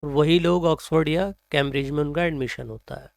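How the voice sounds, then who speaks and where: A man with an Indian accent teaching English pronunciation, reading example sentences slowly and then explaining them. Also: on the high side, creaky, dry recording. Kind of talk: slow explanatory lesson, mixing Hindi and English.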